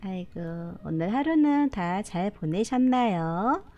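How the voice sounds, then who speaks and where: A woman's voice: medium pitch, animated, slow pace, warm tone, lo-fi sound. A middle-aged woman hosting a casual live stream, talking motherly to viewers as her children and laughing often.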